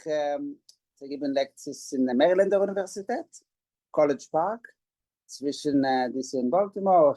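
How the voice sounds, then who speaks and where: Halting Israeli-born man, dark voice. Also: fairly high pitch, no room sound, rough recording. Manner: halting, many filler sounds. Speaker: guest, Yiddish scholar. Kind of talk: interview answers.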